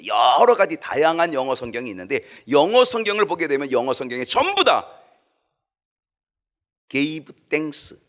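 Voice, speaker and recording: A man preaching a Sunday sermon as pastor, with animated delivery that swings from loud to hushed. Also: medium pitch. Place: church sanctuary.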